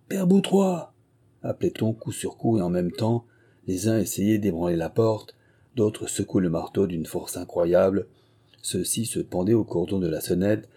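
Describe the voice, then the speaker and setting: A male audiobook narrator with a deep, dark, husky voice. He tells the story in a measured, literary way, with his pitch sitting on the low side. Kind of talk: scripted narration.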